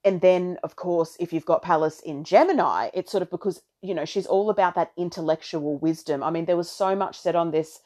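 Casting: woman, slightly low-pitched, effusive astrology host speaking off the cuff in rambling, intimate chat to followers. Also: a little mellow. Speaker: astrology podcaster and content creator. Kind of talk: casual spiritual monologue to followers. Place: bedroom, sitting on a bed.

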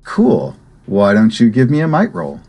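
Low-voiced man narrating as game master. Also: wildly swooping pitch, a little slow, a little mellow, breathy edge.

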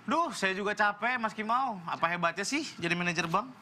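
A man's voice: high-pitched, animated, brisk, pushed and bright, a little hiss or hum, exaggerated voice. A man acting a boastful, falsely humble young bank manager in a comedy sketch. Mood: smug. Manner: smug, bragging, mock-modest. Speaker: comic actor.

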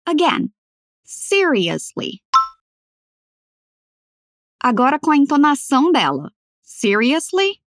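Uma mulher dando aula de inglês em português, falando devagar e articulando as frases com cuidado para o aluno repetir. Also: female voice, on the high side, lively intonation, dry recording, clean studio sound. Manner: slow, careful over-articulated model phrases. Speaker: English teacher. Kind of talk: language lesson, repeat-after-me drills.

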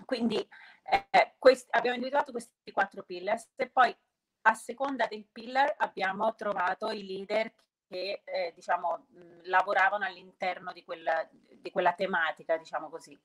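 A woman's voice: medium pitch, fairly even intonation, normal speed, fairly bright tone, slight background noise, poor audio. Woman mixing English terms into her speech. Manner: hesitant, often restarting and rephrasing mid-sentence; mixes English business terms into Italian. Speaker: interview guest, sustainability entrepreneur. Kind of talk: conversational interview answers.

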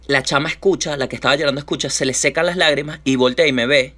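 A man with a Venezuelan accent telling a casual, slang-heavy anecdote on a chat show. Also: on the high side. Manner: lively anecdotes full of slang, acts out quoted voices.

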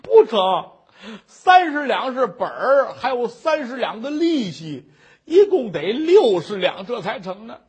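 A man voicing a poor middle-aged widow who sobs and pleads in drawn-out wails. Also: extremely high pitch, big pitch swings, slightly rough, exaggerated voice. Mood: weary telling.

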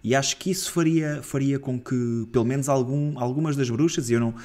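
A man with a European Portuguese accent co-hosting a football podcast, talking in a casual, animated way that turns heated and exasperated, with frequent restarts. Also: medium pitch, fairly quick. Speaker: co-host of a football club podcast. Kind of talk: casual football analysis chat.

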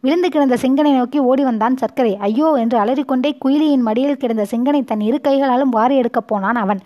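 Woman, high voice, audiobook narration, voices each character herself, dull lo-fi sound. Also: quick pace. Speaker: storyteller. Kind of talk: audiobook narration of a historical novel.

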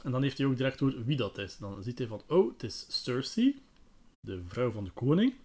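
A man retells a book on his podcast in a relaxed, chatty way. He hesitates often and fills gaps with fillers. His voice sits at an ordinary middle pitch. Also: normal speed. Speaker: podcast host.

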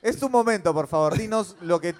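A man's voice: high voice, animated, fairly quick. A man co-hosting a live comedy podcast, throwing in teasing wisecracks. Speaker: co-host.

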